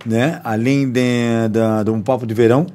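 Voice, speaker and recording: A man's voice: mid-range voice, steady tone, moderate pace, warm tone. A man from Brazil hosting a podcast, addressing listeners in a friendly, casual way. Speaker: podcast host.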